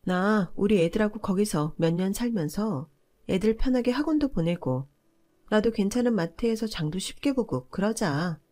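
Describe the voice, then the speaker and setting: A woman's voice: animated, normal speed, mellow, lightly acted. A woman voicing a bossy, entitled older sister-in-law who scolds and talks down to others. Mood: scolding. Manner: shrill, scolding, condescending.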